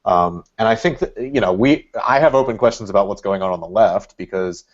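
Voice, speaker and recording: On a dull, lo-fi recording, a man with a lowish, brisk voice chats casually as a podcast guest. He's a Red Bulls fan who rambles, thinks out loud and leans heavily on fillers.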